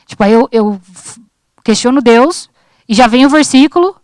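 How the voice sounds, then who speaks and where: Woman, thirties, informal church sermon, slightly high pitch, chatty joking delivery, dry sound. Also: expressive, normal speed, darkish tone, dry recording. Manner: chatty and joking, acts out her talks with God. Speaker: preacher at a church youth service. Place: church service.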